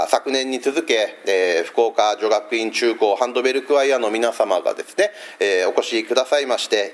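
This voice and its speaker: Man preaching with many fillers. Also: mid-range voice. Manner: hesitant, frequent fillers, explanatory. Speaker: pastor. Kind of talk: sermon. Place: church.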